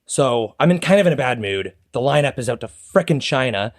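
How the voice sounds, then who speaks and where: A man's voice: medium pitch, lively intonation, brisk. A man telling a rambling story on a casual podcast, full of fillers and quoted dialogue. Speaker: podcast co-host.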